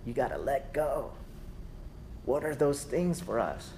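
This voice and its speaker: A man preaching an Easter sermon in a lively, conversational way, acting out voices in his stories. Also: mid-range voice, measured pace, a little hiss or hum. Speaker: pastor.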